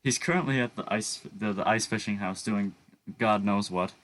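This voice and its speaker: A young man co-hosting a casual podcast, joking around with many restarts and halting phrases. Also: fairly low pitch, fairly bright tone. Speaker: podcast co-host.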